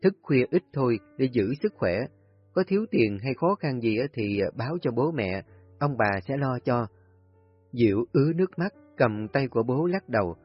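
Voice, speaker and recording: A man calmly narrating a family story in a steady storytelling voice. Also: medium pitch, moderate pace, no echo. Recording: husky voice, dull lo-fi audio, faint music.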